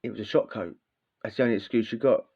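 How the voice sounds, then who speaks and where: This vlogger speaks fast in a lowish voice, rambling through a casual story full of slang. He circles back and repeats himself often, and the lo-fi recording sounds slightly dull.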